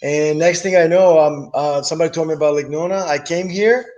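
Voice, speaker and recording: A middle-aged man who grew up in Brazil, guest in a casual interview, relaxed and enthusiastic with hesitant restarts. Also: a little high, brisk, muffled recording. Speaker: guest, business owner.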